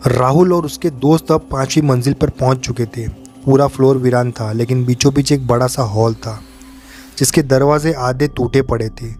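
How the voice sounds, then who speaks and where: A man narrating a horror story in a steady, dramatic way. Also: medium pitch, normal speed, faint music behind.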